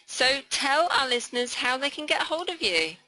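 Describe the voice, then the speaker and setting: A woman's voice: high voice, sing-song, normal speed, bright, forceful tone, low-quality recording. A woman hosting an interview, affirming and encouraging her guest in a casual conversation. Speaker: interview host.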